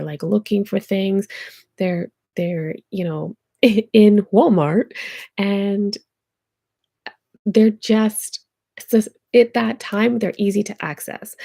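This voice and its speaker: A woman's voice: mid-range voice, creaky, dark tone, husky, no room sound, studio quality. A woman working as a spiritual healer, talking casually to camera in a rambling way full of fillers.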